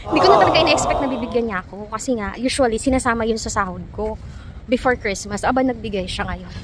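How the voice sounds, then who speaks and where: A woman's voice: fairly high pitch, fast talker, a crowd in the background. A young Filipina woman vlogging in a chatty, storytelling way, laughing often as she talks to her viewers. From Philippines. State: sick, low and tired. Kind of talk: casual chat to viewers. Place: outdoors in cold weather.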